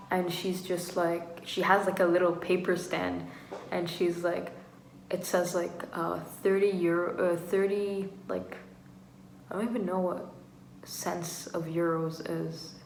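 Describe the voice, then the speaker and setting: A woman's voice: on the low side, creaky. A young woman travel vlogger telling stories in casual chat, rambling and full of filler "like"s. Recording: echoey room with faint noise.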